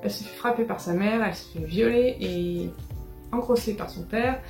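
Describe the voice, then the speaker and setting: A woman rambles casually through the books she picked up, pausing often with fillers and correcting herself. Her voice has a slightly gravelly edge, recorded in an echoey room with faint music underneath. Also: mid-range voice, darkish tone. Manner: chatty, hesitant, many fillers and restarts. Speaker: book vlogger. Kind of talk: casual book haul chat.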